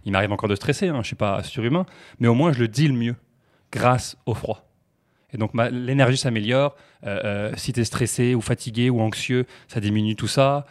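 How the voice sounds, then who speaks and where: A man, a podcast guest, telling stories in casual chat, animated and jokey, often restarting his sentences. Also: medium pitch. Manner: fast, animated, jokey storytelling with repeated restarts.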